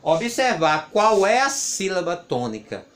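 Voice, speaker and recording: This grammar teacher has a high, sing-song voice with a fairly bright tone and a measured pace. Explaining English grammar in class with a Brazilian Portuguese accent, he repeats points patiently and asks rhetorical questions.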